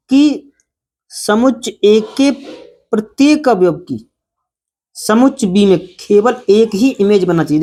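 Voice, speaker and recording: A woman's voice: mid-range voice, dark tone. A woman maths teacher explaining a lesson to her students, often checking in with short tag questions and drawing out key words for emphasis. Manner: repetitive, checks in with "ठीक है" and "है ना".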